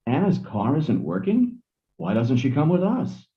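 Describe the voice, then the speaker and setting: A friendly young guy casually suggests plans, as a man reads a textbook dialogue, his voice rising and falling in a lively way. The sound is tinny and thin, like a phone line. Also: fairly high pitch, a little slow. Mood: inviting. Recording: tinny audio played over a call.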